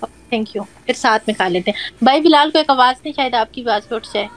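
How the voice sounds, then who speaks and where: A high-voiced woman arguing on a live stream. She is combative, pushes back, and keeps trying to take over the conversation. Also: fairly quick, poor audio. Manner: combative, tries to take the floor. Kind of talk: heated live-stream argument.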